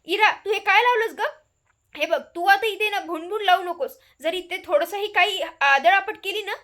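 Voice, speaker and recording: A woman's voice: very high voice, normal speed, bright, forceful tone. Woman doing a stern scolding sister-in-law. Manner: scolding, raised voice.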